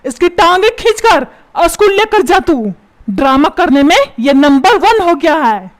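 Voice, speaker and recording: A woman's voice: very high-pitched, lively intonation, measured pace. A woman voicing a put-upon cartoon father who grumbles and complains about being treated like a servant. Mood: mocking.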